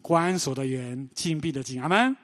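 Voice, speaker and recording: A man pastor preaching a sermon in animated storytelling, often asking the congregation questions. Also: mid-range voice, moderate pace. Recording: long reverb of a large hall.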